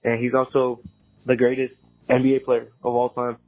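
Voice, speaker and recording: Man, voicemail message, sports opinion, halting delivery, monotone, music in background. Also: mid-range voice, narrow, tinny audio. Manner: leaving a voicemail, halting with pauses. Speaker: caller leaving a voicemail. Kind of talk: recorded voicemail sports take.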